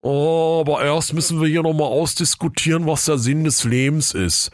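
A man's voice: a little high, fairly even intonation, moderate pace, dry recording, clean studio sound, voice pushed up, lightly acted. A man voicing a weak, starving male villager who speaks limply and listlessly, in a comic storybook tale. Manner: limp, listless.

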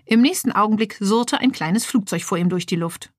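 A woman narrating a children's audiobook in a lively, clear way. Her voice sits mid-range and the recording is close and dry. It is steady, scripted storytelling. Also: mid-range voice, moderate pace, no echo.

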